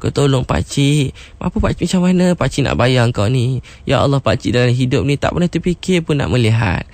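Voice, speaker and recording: A man voicing a grateful elderly man who has just regained his sight, speaking slowly and fervently. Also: medium pitch, animated, darkish tone, no room sound, natural voice. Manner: slow, fervent, heartfelt. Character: grateful elderly man, newly able to see.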